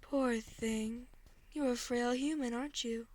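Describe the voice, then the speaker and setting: A woman voicing a female eldritch deity who speaks slowly and calmly in a soothing but threatening, condescending way. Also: a little high, natural voice. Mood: soothing menace. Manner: slow, calm, condescending.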